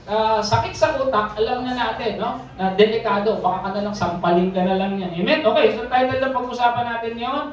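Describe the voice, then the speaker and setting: A preacher from the Philippines giving a Sunday sermon. The preacher reads verses aloud, explains them, and often checks in with the congregation. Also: mid-range voice. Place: church service hall. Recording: echoey hall, distant mic, faint noise.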